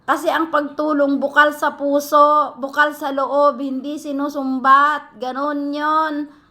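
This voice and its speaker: A woman in a heated vlog rant, scolding her critics and firing off rapid rhetorical questions. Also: high voice, level tone, bright, forceful tone. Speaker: vlogger answering critics. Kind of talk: heated direct-to-camera rant.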